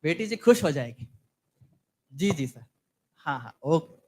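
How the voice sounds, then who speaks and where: A man's voice: on the high side, very animated, measured pace, a little mellow. A man playing a talkative young content writer on a date in a scripted comedy sketch, preachy and fawning.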